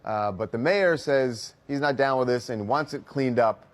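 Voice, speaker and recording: A man hosting an entertainment news talk show with a brisk, jokey anchor delivery. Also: mid-range voice. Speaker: show host.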